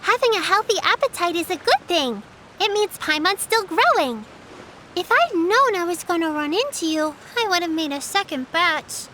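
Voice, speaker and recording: A woman's voice: extremely high pitch, big pitch swings, normal speed, sharp tone, slight background noise, full character voice. An actress voicing a well-mannered, kind and motherly little girl in a game, speaking in a polite, caring way. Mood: hospitable. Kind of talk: game voice acting. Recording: game audio with music behind.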